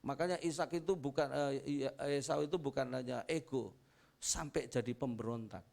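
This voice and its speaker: A man's voice: medium pitch, moderate pace, vocal fry, a little mellow. A middle-aged man preaching a chatty, anecdotal sermon as pastor, repeating phrases and calling for amens. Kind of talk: conversational sermon.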